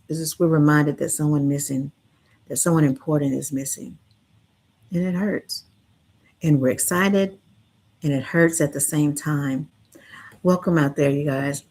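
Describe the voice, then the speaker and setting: A woman speaking gently and earnestly in a heartfelt livestream talk, reassuring listeners like a counselor. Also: sits low. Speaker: grief counselor and livestream host.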